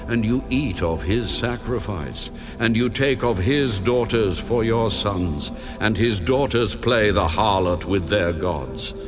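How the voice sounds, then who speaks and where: A slow, deep, solemn God. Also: male voice. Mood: stern warning. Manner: grave, measured, authoritative. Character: the Lord God, solemn commanding male deity. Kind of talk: dramatized scripture reading.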